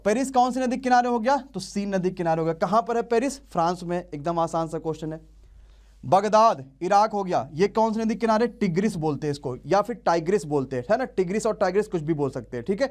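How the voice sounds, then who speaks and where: A man's voice: high voice, animated, a little fast, darkish tone. A young man teaching an online exam-prep class, quizzing students and drilling answers call-and-response style.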